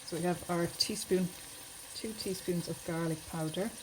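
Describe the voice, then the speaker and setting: A woman's voice: fairly low pitch, fairly even intonation, normal speed, noisy background. A woman hosting a home cooking video, chatting casually and thinking aloud as she cooks in her kitchen. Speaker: home cooking channel host.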